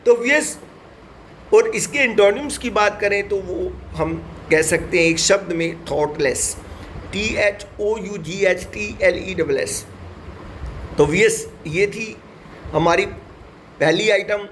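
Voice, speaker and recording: A man teaching English in a slow, deliberate online lesson, spelling words out letter by letter and speaking to his students in a fatherly, devout way. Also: sits high, fairly bright tone, slight background noise, poor audio. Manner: spells words letter by letter, keeps addressing viewers.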